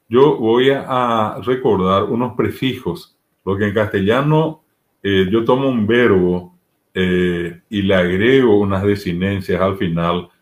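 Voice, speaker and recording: A man with a Paraguayan Spanish accent, a language teacher explaining grammar step by step with spoken examples in an interview. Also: fairly low pitch.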